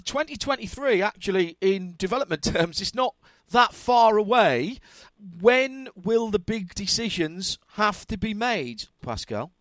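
Male interview host, enthusiastic and chatty, higher voice, dry studio sound. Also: very animated, a little slow, fairly bright tone, dry recording. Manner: enthusiastic, conversational questioning. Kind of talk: motorsport interview.

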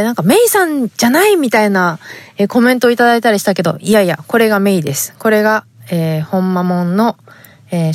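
A woman's voice: mid-range voice, no room sound. Chatty woman podcast host, dry sound. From Fukuoka, Japan. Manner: polite and chatty, with frequent fillers. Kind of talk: casual podcast talk reading listener letters.

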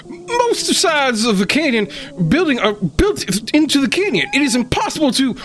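Woman, high voice, swooping pitch, casual amateur script reading, faint room noise. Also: sing-song, normal speed.

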